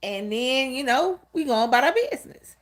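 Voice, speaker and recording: A woman in her fifties hosts a casual livestream, greeting chat viewers and telling stories candidly right to them. Her high voice is sing-song, at a moderate pace.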